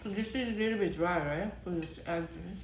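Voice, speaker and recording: A woman's voice: lowish voice, fairly quick, a little hiss or hum. A Korean woman with an accent, a vlog host at home explaining food and a board game to her partner in simple, playful English. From South Korea.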